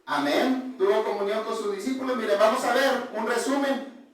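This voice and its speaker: A man preaching an informal Bible sermon, constantly calling his listeners brothers and halting to restart his sentences. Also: high voice. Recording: echoey room, distant mic.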